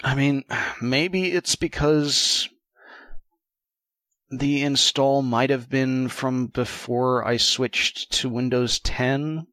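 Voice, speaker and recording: A man's voice: medium pitch, steady tone, extremely slow, a bit bright, no echo. A man co-hosting a casual gaming podcast, wry and teasing, rambling through stories. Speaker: podcast co-host.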